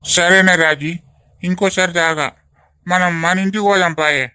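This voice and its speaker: A remorseful old village husband in a cartoon, coaxing and pleading in Telangana Telugu, voiced by a man. His voice sits high, bright and smooth, with little swing in pitch, close and dry. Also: fairly even intonation, moderate pace, no room sound. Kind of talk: animated comedy voice acting.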